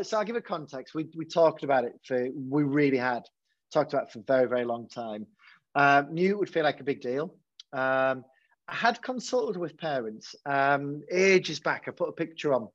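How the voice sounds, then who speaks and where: A man's voice: medium pitch, no room sound. A man, a head teacher, speaking candidly in an interview, often restarting his sentences. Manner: hesitant, many repeated false starts. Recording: slightly dull, dry lo-fi sound.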